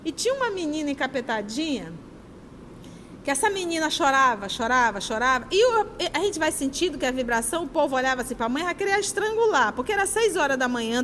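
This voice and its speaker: High-voiced woman teaching. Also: in a large hall, a little hiss or hum. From Manaus, Brazil. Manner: animated, emphatic, storytelling. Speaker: spiritist study group leader. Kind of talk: teaching with personal anecdotes.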